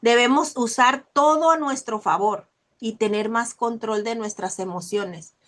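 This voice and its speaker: A woman hosting a casual motivational book talk, animated, often acting out the people she describes. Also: fairly high pitch, a little slow. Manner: animated, acts out scolding mothers. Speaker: host of a book discussion.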